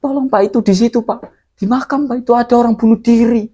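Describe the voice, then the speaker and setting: A man's voice: very high voice, fairly even intonation, quick pace, warm tone, husky, pitched above the performer's own voice. A man voicing a frightened middle-aged grave keeper who pleads frantically with villagers in a horror story. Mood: panicked pleading.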